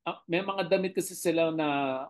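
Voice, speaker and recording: Animated Filipino-accented director. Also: mid-range voice, moderate pace. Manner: animated, expressive storyteller. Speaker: television director, guest. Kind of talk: casual interview storytelling.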